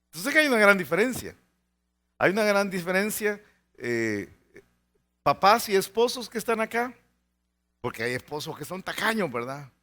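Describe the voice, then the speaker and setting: A male pastor preaching with a lively, high-set voice that swings widely in pitch. He keeps turning to the congregation with rhetorical questions and acts out the people in his stories. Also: normal speed, pauses often. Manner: animated preaching, acts out quoted voices in anecdotes; frequent rhetorical "¿verdad?" asides to the congregation. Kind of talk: sermon.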